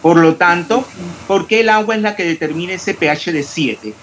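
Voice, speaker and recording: At a moderate pace, a Panamanian chemistry teacher quizzes his online class and corrects their answers. A faint hiss runs beneath his slightly high male voice as he stresses clear diction and pronounces every s.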